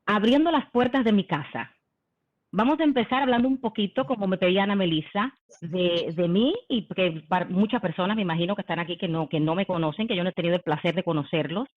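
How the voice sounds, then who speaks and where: A woman in her forties from the Dominican Republic, a company executive, tells her own story in a leadership talk over a video call. Her voice is fairly low and quick, warm and conversational, with frequent "em" and "eh" fillers, and the audio sounds phone-like, typical of online meetings.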